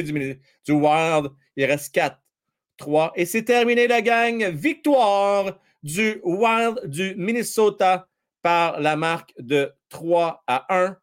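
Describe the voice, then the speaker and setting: A middle-aged man with a Québécois accent doing live fan commentary on a hockey game, shouting at plays and then dropping to a mutter while chatting with viewers. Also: sits high. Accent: Québécois French.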